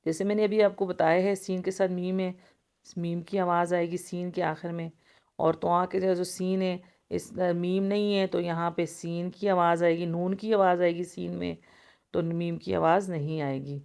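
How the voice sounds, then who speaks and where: Woman, Quran recitation teacher, smooth clear voice, patient step-by-step explanation, long drawn-out letters. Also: lowish voice, flat delivery, a little mellow. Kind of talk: tajweed lesson, explaining and reciting.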